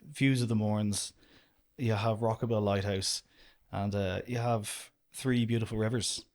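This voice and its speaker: Relaxed Irish man chatting casually. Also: lowish voice, unhurried. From Ireland. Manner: relaxed, rambling, lots of "do you know". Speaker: guest, outdoor business owner. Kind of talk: casual interview chat.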